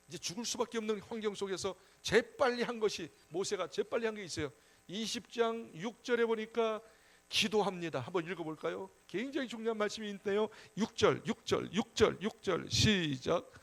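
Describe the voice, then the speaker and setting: High-voiced emphatic male preacher. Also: fairly quick, creaky. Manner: emphatic, conversational preaching that swings between loud urging and soft asides. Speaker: pastor. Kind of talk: sermon at a Friday prayer meeting.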